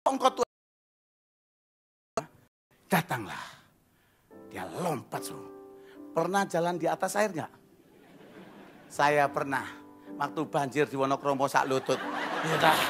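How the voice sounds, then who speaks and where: A male pastor, preaching an energetic, humorous sermon sprinkled with slang. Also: sits high.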